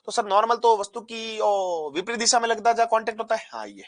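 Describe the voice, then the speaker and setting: A man's voice: high voice, brisk, dry recording. A man teaching a physics lesson, asking the class questions and repeating key terms back as answers. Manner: animated, acts out particles pushing apart.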